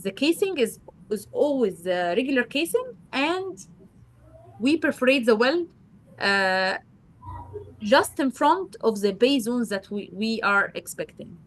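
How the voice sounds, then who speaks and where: A woman's voice: a little high, big pitch swings, a little slow. A woman presenting a geology webinar, answering questions live in a hesitant way with many fillers.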